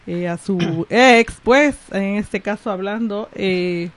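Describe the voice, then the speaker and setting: A woman co-hosting a casual chat, playful and quick with asides. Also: mid-range voice, dry recording. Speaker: podcast co-host.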